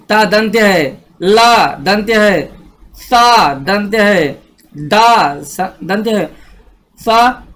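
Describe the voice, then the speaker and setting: A male grammar teacher giving a classroom lecture, explaining slowly, repeating each rule and checking that students follow. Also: high voice, fairly bright tone.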